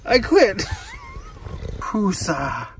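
Playful, lively adult talking to a dog. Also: mid-range voice, very slow, a little hiss or hum. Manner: playful, amused, coaxing. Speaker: vlogger, dog owner. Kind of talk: casual talk to a pet on camera. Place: converted van.

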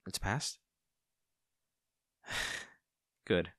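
Recorded at studio quality with no echo, a man talks extremely slowly. His character is a gentle young barista with a shy crush, and in this intimate comfort roleplay he acts naturally, offering caring, soft-hearted reassurance with a touch of hesitation.

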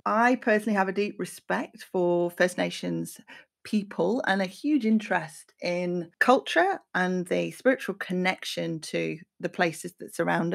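A woman with a slightly low voice hosts a conversational podcast. She builds her thoughts hesitantly, repeating words as she circles toward the point. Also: gravelly. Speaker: podcast interviewer, landscape architect.

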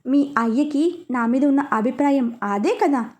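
A woman voicing a hot-tempered, possessive young man in love, who talks in sharp, scolding questions. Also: high voice, unhurried. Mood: heated.

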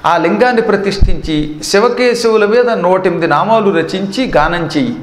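A man voicing a calm, commanding sun god father giving instructions. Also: high-pitched, normal speed, echoey room, long reverb tail, close to an everyday voice. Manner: steady, instructing.

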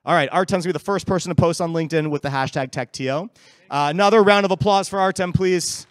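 A man's voice: high-pitched, fast talker, no room sound. Upbeat man hosting a live event. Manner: upbeat, joking with the crowd. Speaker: event host. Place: large council chamber at an event. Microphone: handheld mic.

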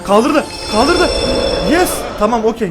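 A young man giving loud, excitable commentary while playing a life-simulation game, laughing and exclaiming often. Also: extremely high pitch, takes it slowly, over loud music. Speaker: gaming YouTuber. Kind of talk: excited let's-play commentary.

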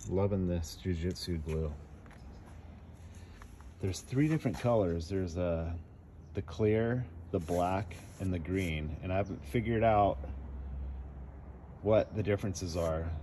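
A man doing dent repair outdoors, explaining his work in a relaxed, casual way as he films on a phone. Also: deep voice, takes it slowly, long pauses, slight background noise. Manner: relaxed, explanatory, talks between tasks. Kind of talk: casual how-to narration while working. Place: outdoors in a parking lot beside a car.

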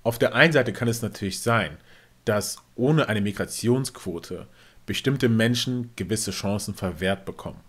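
A man's voice: fairly low pitch, normal speed, a bit bright. A man taking part as a panelist in a casual discussion, weighing both sides.

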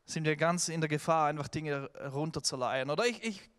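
A man's voice: a little high, fairly quick, clean tone. A man preaching a sermon in a church, telling stories animatedly with restarts and filler sounds. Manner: animated storytelling with acted-out quotes. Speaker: pastor.

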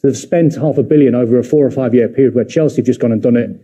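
A middle-aged man argues his case as a studio football pundit. He presses his points again and again. His voice is dark and husky. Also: mid-range voice, racing. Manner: emphatic, repeats his points.

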